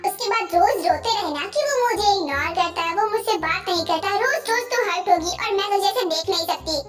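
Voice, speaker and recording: A woman's voice: extremely high pitch, fairly quick, over loud music. A woman voicing a hot-tempered, protective young woman who scolds her friend sharply. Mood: scolding.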